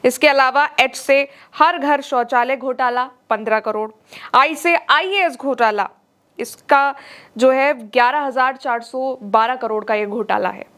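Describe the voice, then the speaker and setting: A woman's voice: sits high, unhurried, fairly bright tone. A woman presenting scripted political news narration in an emphatic, dramatic way.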